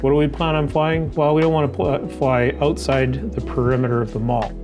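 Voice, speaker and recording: A middle-aged drone training instructor, speaking a little fast in a slightly high, steady voice, walks through regulations on screen in a conversational tutorial. He often asks questions and answers them himself, from an office by a window with music in the background.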